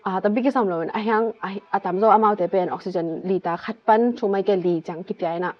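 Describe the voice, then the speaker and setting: A woman vlogger calmly explaining a health topic, stepping through medical terms one by one. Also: medium pitch, fast, lo-fi sound.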